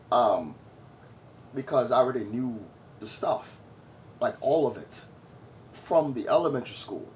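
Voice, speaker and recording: A man's voice: mid-range voice, darkish tone, a little hiss or hum. A man in his forties from Trinidad and Tobago, giving blunt, boastful opinion commentary to his viewers. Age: 40s. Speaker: vlogger.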